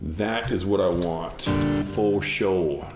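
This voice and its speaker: A man with a lowish voice talks slowly while he composes on a livestream, thinking aloud and correcting himself as he goes. The room sounds roomy, and a guitar is heard clearly behind him. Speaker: musician streaming while composing. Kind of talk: casual livestream talk while working.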